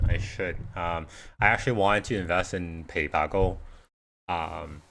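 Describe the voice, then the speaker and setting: Low-pitched and a bit bright, a man's voice comes through with a slight hiss or hum. He hosts a casual investing Q&A livestream, speaking with Cantonese as his first language and rambling through fillers and restarts.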